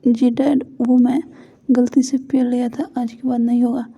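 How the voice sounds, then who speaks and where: A woman's voice: on the high side, level tone, measured pace, dark tone, slightly rough. A woman voicing a meek, apologetic young daughter in her twenties, in a dull lo-fi recording.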